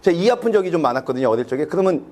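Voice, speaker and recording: High, lively-voiced Korean pastor preaching. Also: male voice. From South Korea. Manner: acts out quoted prayers in a raised, slowed voice; asks the congregation questions. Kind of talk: sermon. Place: church sanctuary.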